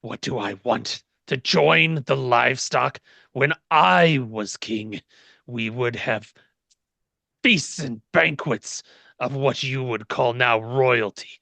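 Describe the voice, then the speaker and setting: A man's voice: mid-range voice, gravelly, sharp tone, dry recording, exaggerated voice. A man as game master narrating in character, voicing a proud, bitter, centuries-old fallen fantasy king with haughty, menacing delivery. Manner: haughty, menacing, slow declamation.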